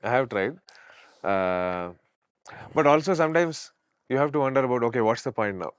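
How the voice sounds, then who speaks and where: Speaking briskly and with animation, the deep-voiced veena player and singer sounds smooth on a dry recording. He's easygoing and reflective in the casual interview, laughing a lot and blending Kannada with English.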